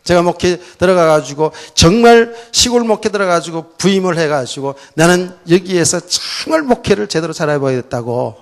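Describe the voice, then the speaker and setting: Speaking animatedly and briskly with few pauses, a middle-aged pastor recounts something from his own life in a sermon. He alternates between booming outbursts and quiet, low asides, all within a church sanctuary.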